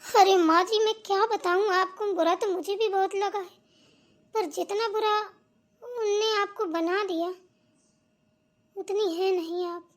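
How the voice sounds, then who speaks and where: A woman's voice: extremely high pitch, fairly even intonation, measured pace, pauses often. A woman voicing a scheming young daughter-in-law in a cartoon comedy, fake-sweet to her mother-in-law and gloating in her asides. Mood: fake sympathy.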